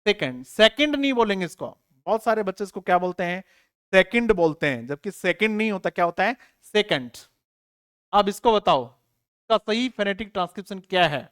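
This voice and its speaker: A man's voice: high voice, expressive, fairly quick, fairly bright tone, clear, resonant tone. Man drilling grammar, answering his own questions. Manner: asks students questions and answers them himself; repeats key words and spells them out letter by letter. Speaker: teacher. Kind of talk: online exam-prep grammar lesson.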